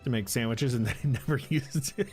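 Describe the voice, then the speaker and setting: A man's voice: medium pitch, a little fast, darkish tone. Guy chatting to his stream while he plays, jokey asides, a bit of music underneath. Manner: chatty, joking asides to chat. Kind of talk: casual gameplay commentary.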